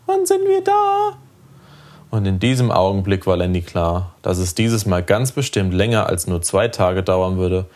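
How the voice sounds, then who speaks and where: A man narrating a children's story aloud in a lively, expressive way. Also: sits low, normal speed, hardly any pauses. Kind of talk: audiobook storytelling.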